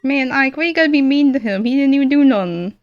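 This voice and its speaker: A woman's voice: high-pitched, animated, quick pace, dry recording, highs cut off, faint music behind. A woman in casual voice-call chat, blunt and teasing, swearing freely.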